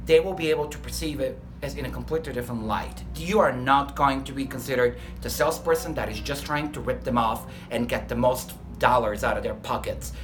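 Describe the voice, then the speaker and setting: In this workplace interview, a Bulgarian-accented restaurant lead trainer responds with sincerity and enthusiasm, occasionally revising what he says mid-sentence. His mid-range voice moves fairly quickly with few pauses, and music can be heard in the background.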